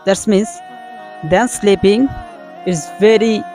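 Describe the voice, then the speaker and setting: Slow Bangladeshi man teaching pronunciation. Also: sits high, steady tone, a little mellow, soft background music. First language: Bengali. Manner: repeats each word slowly several times. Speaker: English teacher. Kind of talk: casual pronunciation lesson.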